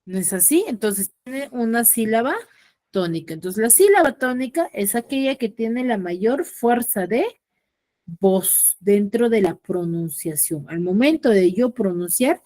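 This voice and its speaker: Slow-talking woman teaching an online class. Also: fairly high pitch, animated, dark tone. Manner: patient, checks in with the class often. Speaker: secondary school teacher. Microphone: video call.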